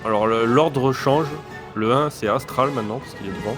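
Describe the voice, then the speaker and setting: A man narrating as game master, thinking aloud with pauses as he runs the game. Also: mid-range voice. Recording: music behind the voice.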